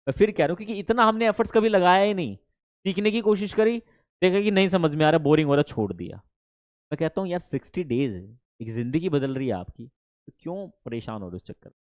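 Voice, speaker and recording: A man's voice: on the high side, dry recording. A man with an Indian accent teaching a spoken English lesson online, coaxing his students and often checking that they follow. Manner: animated, coaxing, repeats "ठीक है ना?".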